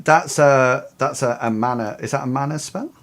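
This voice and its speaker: A man's voice: mid-range voice, normal speed, a bit bright. A man narrating as game master, explaining rules and the action to his players.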